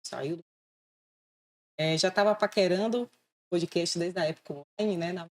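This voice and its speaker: A woman, a relaxed interview guest with self-mocking humour. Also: lowish voice, moderate pace. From Salvador, Brazil. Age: 30s. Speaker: guest, insurance broker. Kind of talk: casual interview chat.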